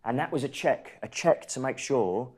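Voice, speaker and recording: A man, a former soldier, describing military indoctrination in a measured, deliberate way. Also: medium pitch, expressive, darkish tone. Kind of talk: interview testimony.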